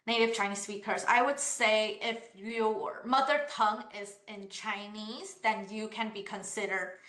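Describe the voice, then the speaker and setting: Speaking over a computer mic in an online session with roomy echo, a university admissions woman reads questions aloud and answers them. Her medium-pitched voice is bright and forceful, unhurried, with fairly even intonation; she's polite and explanatory but hesitant, full of "uh" fillers and restarts.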